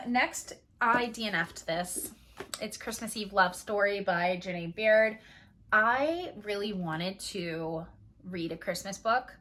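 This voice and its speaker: Young woman rambling about her reading, lots of likes and ums, kinda low voice. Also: fairly bright tone, a little hiss or hum. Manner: chatty and rambling, full of "like" and "um". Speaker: book vlogger. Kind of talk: casual reading wrap-up chat.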